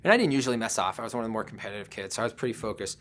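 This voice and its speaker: A man's voice: lowish voice, lively intonation, racing, fairly bright tone, slight background noise. A man giving a virtual conference presentation, talking in a conversational way and telling personal stories, often with "um" and "you know.". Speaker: conference speaker.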